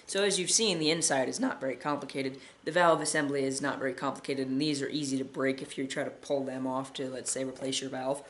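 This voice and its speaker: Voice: medium pitch, fairly even intonation, fast talker, hardly any pauses, fairly bright tone, slight background noise. A collector giving a casual product review, talking in a hesitant, self-correcting way. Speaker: gas mask collector and reviewer.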